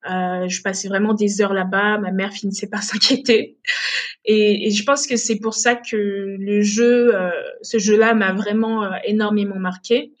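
A woman's voice: mid-range voice, level tone, moderate pace. Woman, late twenties, from Togo and Benin; hesitant podcast guest who restarts her sentences often. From Togo, raised in Benin. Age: late 20s. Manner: hesitant, many fillers and restarts. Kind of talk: casual podcast interview.

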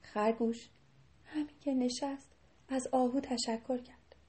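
A woman storyteller reading a tale to children, animated and often speaking to them directly. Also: high-pitched.

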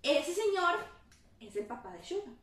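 Animated young woman storyteller. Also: very high-pitched, moderate pace. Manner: animated, laughing, acts out quoted lines. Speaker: storyteller in a chat. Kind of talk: casual chat, retelling a story. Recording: roomy, distant mic.

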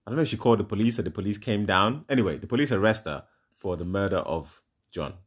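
Guy rambling thru a movie plot, really low voice, laughs a lot. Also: animated, quick pace. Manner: rambling, dramatizing, laughs often. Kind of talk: casual retelling of a film plot.

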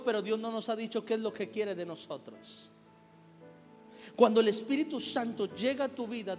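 A man's voice: high voice, in a large hall. A male pastor preaching a sermon, calling out "amén" as he builds his points. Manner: preaching with rising intensity and repeated "amén".

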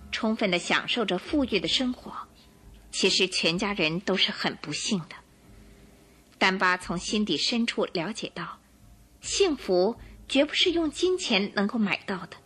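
In a mid-range voice, a woman tells a scripted radio drama story with dramatic, expressive narration.

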